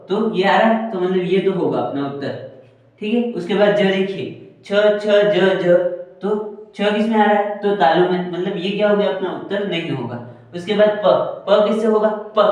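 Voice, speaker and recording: A man's voice: sits high, a little mellow. A man teaching a grammar lesson, going over each point again and again and answering his own questions. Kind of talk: Hindi grammar lesson, explaining slowly with repetition. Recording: very echoey room, distant from the mic.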